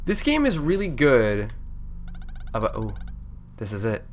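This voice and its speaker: This let's play host has a congested voice and rambles loosely through his video game commentary, often interrupting himself and cursing freely. His medium-pitched voice swoops wildly in pitch at an unhurried pace, with slight background noise and video game music.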